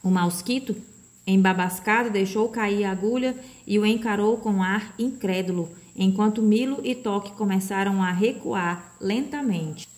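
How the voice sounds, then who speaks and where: A woman narrating a children's storybook in a steady, expressive reading voice. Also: medium pitch, normal speed. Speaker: audiobook reader.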